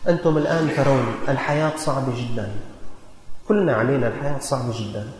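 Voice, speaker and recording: A Syrian-accented male preacher tells his story in an earnest, exhorting style and slows his phrases for emphasis. His mid-pitched voice rings through a large hall with a long, heavy reverb tail. Faint ambient room noise sits underneath. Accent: Syrian Arabic. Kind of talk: colloquial storytelling sermon.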